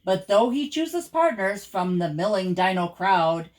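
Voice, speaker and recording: Reciting rhyming poems for children, an older woman who is a grandmother performs them with theatrical, rhythmic expression. She speaks at a relaxed pace and medium pitch on a rough recording.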